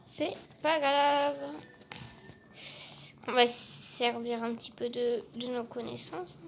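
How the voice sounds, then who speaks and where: A woman commenting casually on her game, unhurried and muttering asides to herself. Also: fairly high pitch, creaky, a little hiss or hum. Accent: non-native English. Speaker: gamer.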